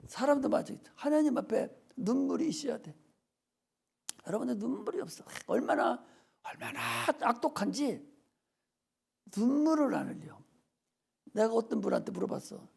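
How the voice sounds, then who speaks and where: Older male pastor, gravelly husky voice, high lively pitch, fervent sermon, loud then hushed. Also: normal speed, long pauses. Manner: fervent, swinging between loud urging and soft near-whispers. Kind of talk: Friday worship sermon.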